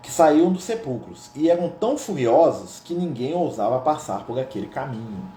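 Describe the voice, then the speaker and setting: Brazilian guy leading a gospel study, chatty, keeps tossing in little tag questions, mellow voice, echoey room. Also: medium pitch, sing-song, moderate pace, a little hiss or hum. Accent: Brazilian Portuguese. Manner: conversational, often ends phrases with tag questions. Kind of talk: informal spiritual teaching. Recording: roomy echo.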